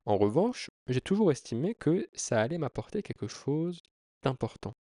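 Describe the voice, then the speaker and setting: A man's voice: fairly high pitch, big pitch swings, normal speed, mellow, dry recording, clean studio sound. A man speaking as a video creator, explaining informally to viewers in an earnest, persuasive way with emphatic phrasing. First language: French. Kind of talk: informal explanatory talk to camera.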